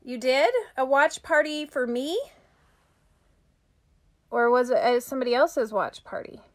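A woman's voice: sits high, measured pace. A middle-aged woman doing a casual live makeup tutorial, chatting with her viewers as she works. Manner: chatty, talks to viewers while working. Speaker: makeup vlogger.

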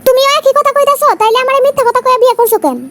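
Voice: fairly even intonation, racing, fairly bright tone, slight background noise. A performer voicing a young bride in a cartoon who pleads to continue her studies. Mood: pleading. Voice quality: high squeaky cartoon pitch. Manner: pleading and complaining. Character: young bride eager to study. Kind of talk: cartoon voice acting.

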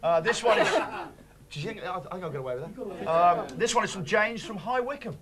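A male TV host with a high, wildly lively voice runs a studio stats game in a playful, exclamatory way. A loud studio crowd fills the background. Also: fairly quick. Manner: playful, exclamatory, laughing often. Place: TV studio with audience.

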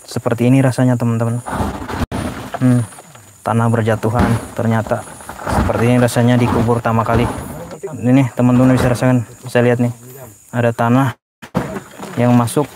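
A man vlogging and praying in a soft, earnest voice from inside a covered grave. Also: mid-range voice, completely flat delivery, a little fast, pauses often, very noisy. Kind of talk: reflective vlog with prayer.

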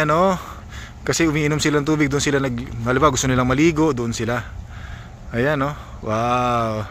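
Guy vlogging on a lakeside walk, talks to viewers, lots of wows, slightly high voice. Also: a bit bright, a little hiss or hum. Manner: chatty, exclaims often, addresses viewers. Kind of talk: casual walking vlog. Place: outdoors by a lake in a park.

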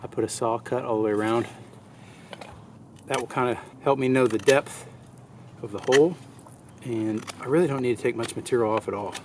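Man, 30s, casual outdoor work narration, unhurried, faint woodland air behind. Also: mid-range voice, a little hiss or hum. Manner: relaxed, talks to himself while crafting. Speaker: bushcraft vlogger. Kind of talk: casual narration while working. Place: woods outdoors at a campsite.

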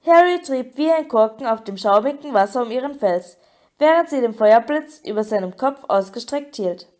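Woman, audiobook narration, high voice, steady, expressive. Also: moderate pace. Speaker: audiobook reader.

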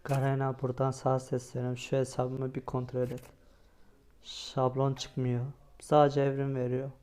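Flat-voiced man chatting over gameplay. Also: mid-range voice, moderate pace, a little hiss or hum. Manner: chatty, addresses viewers directly, grumbles at bad luck. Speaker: mobile game YouTuber. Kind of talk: casual gameplay commentary.

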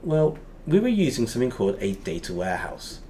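A man teaching a lesson over a whiteboard drawing, explaining step by step and pausing often with fillers. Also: medium pitch, wildly swooping pitch, mellow, a little hiss or hum.

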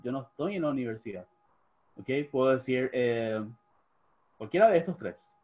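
A man with a Paraguayan Spanish accent teaching an English class, slowly drawing out his English model phrases. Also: medium pitch, expressive, slight background noise. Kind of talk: online class lesson. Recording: dull lo-fi class recording.

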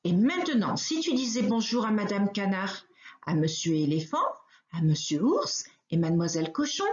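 A woman voicing a tender mother rabbit in a storybook reading, gentle and praising. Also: medium pitch, lively intonation, moderate pace, natural voice. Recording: roomy, slightly dull recording.

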